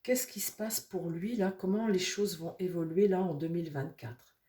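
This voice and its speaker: Her voice on the low side and stuffed up from a cold, a woman reads tarot for her viewers at a normal pace. The talk is casual and rambling, heavy with fillers, and she speaks softly to the cards.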